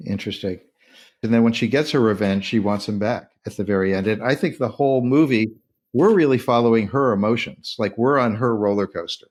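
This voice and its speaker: A man's voice: lowish voice, fairly quick. Man hosting a chatty film discussion. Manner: leads with questions, animated retelling. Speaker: podcast host.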